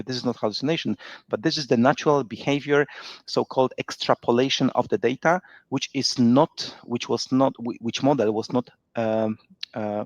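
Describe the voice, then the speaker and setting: A man's voice: medium pitch, no echo. Man explaining on a muffled call. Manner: explanatory, thinks aloud with restarts and fillers. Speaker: webinar guest, tech company representative. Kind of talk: business webinar discussion. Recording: dull lo-fi remote call audio.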